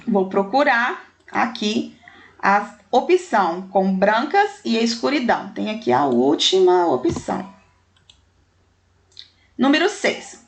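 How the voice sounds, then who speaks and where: A woman's voice: on the high side, fairly bright tone. A woman teacher, taking young pupils through a primary school language exercise and counting syllables and letters aloud with affectionate diminutives.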